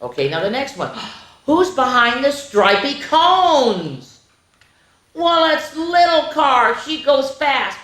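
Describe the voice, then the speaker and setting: Speaking slowly and with great animation, a female reader performs a sing-song read-aloud for small children, adding sound effects and talking to the kids directly. The recording was made in a roomy space with noticeable echo.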